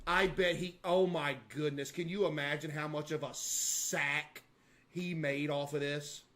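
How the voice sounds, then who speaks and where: A man's voice: a little high, steady tone, unhurried, a bit bright. A man streaming casual live reaction commentary, exclamatory and incredulous in manner.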